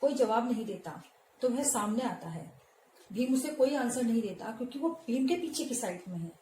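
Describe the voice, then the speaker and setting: A woman's voice: a little high, expressive, normal speed, dark tone, slight background noise. A woman teacher explaining a school play scene by scene and glossing words in English, in an echoey room. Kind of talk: explaining a textbook play to a class.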